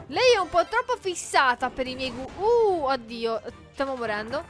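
High bright-voiced woman doing game commentary, jokey, yelps when she's losing. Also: big pitch swings, moderate pace, soft background music. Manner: chatty, jokey, shrieks in panic during fights. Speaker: gaming YouTuber. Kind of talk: let's play commentary.

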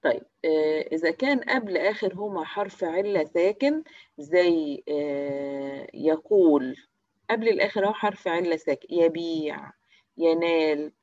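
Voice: medium pitch, a little mellow, dry recording. Egyptian teacher drilling grammar, dry sound. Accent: Egyptian Arabic. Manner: poses quick quiz questions, then answers them; repeats example words slowly, one by one. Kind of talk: grammar review lesson. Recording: dry, slightly dull recording.

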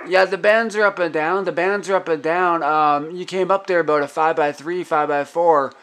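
An amateur radio operator, a man with a fairly bright voice on the high side, briskly trades call signs and signal reports with fairly even intonation, repeating his phrases. He sits at a radio desk indoors, in a noisy room thick with radio hiss and static.

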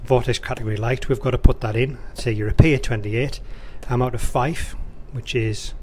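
Working at a touchscreen in an indoor control room or workstation, a male air traffic controller walks through instructions in an informal, conversational way, using bits of radio phraseology. His medium-pitched, darkish voice is fairly even and moves at normal speed.

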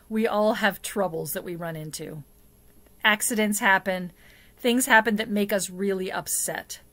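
A middle-aged woman tells stories for a church children's program, reading picture books expressively and talking with young children. Her medium-pitched voice moves at an unhurried, deliberate pace, full of questions for the listener, dramatic hushes and emphasis. She's recorded with no echo in a small indoor setup in front of a plain backdrop.

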